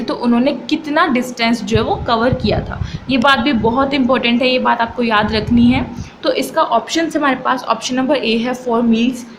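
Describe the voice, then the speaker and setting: In an exam-prep video lesson, a female teacher with a voice on the high side reads out the options slowly and deliberately. She then explains them in chatty Hindi over a noisy background.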